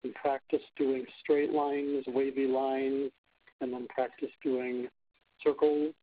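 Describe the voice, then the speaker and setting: A man's voice: mid-range voice, flat delivery, slow pace, slight background noise. A man giving scripted step-by-step narration from an instructional video, played aloud from a phone held up to a speaker and re-recorded. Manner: short step-by-step commands. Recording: tinny phone-like playback through a speaker.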